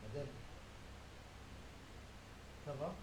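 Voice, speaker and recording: A man live streaming in casual chat, loud and teasing with plenty of swearing banter. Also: very slow, background noise.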